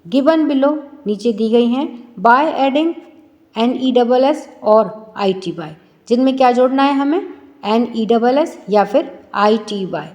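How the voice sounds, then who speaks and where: A woman's voice: fairly high pitch, expressive, takes it slowly, darkish tone, in a large hall. A woman teacher explaining an English lesson for schoolchildren, asking rhetorical questions and answering them herself.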